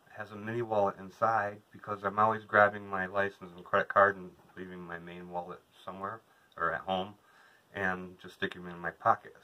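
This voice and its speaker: Bright-voiced man chatting inside a small trailer. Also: sits low, low-quality recording. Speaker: vlogger. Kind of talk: casual chat to camera. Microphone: camera a couple of metres away.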